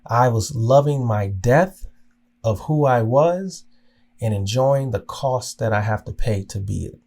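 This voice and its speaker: A man hosts a podcast, telling his own story with earnest, emotional reflection. He often stops and restarts his sentences, repeating words as he searches for them. His voice sits at a middle pitch. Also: animated, measured pace, a little mellow. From Oklahoma. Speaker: podcast host.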